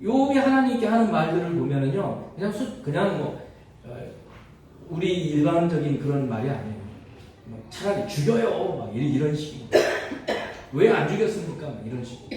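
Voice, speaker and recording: A man's voice: on the high side, lively intonation, a little fast, a little mellow, slight background noise. A man preaching a sermon to his congregation in a conversational way, putting rhetorical questions to his listeners. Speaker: pastor. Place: church sanctuary. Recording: echoey church hall from far off.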